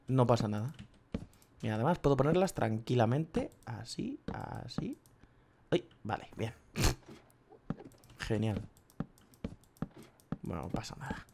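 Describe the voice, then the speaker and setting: A man with a Spain Spanish accent commentates his game casually, swearing freely and yelping when things go wrong. His voice sits in an ordinary middle pitch. Faint keyboard clicks and low noise sit behind him. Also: a little mellow. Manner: swears often, cries out in sudden yelps. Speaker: gaming youtuber.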